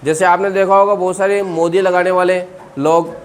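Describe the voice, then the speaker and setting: A man's voice: high-pitched, level tone, moderate pace, a little hiss or hum. A man teaching English vocabulary, drilling words and having the class repeat them, often checking in with the listeners. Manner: checks with frequent "ठीक है ना". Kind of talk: spoken English lesson.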